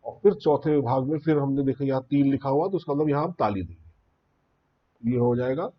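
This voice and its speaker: Male tabla teacher, mid-pitched, patient, slightly dull lo-fi sound. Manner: recites drum syllables slowly, then explains plainly. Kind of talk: spoken music lesson.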